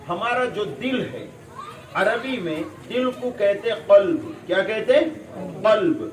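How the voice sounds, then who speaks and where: High-voiced scholar in an echoey hall. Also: male voice, far from the mic, a little hiss or hum. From Kerala, India. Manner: asks rhetorical questions and answers them; drills pronunciation by repeating sounds. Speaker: visiting Islamic scholar. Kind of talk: speech to parents. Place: madrasa hall.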